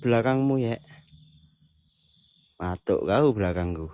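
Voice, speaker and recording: A young man hosting a ghost-hunting vlog at an abandoned villa at night, talking in a hushed, low voice as he calls out to spirits. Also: animated, a little slow. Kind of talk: live ghost-hunt exploration vlog. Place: abandoned villa at night, outdoors among crickets.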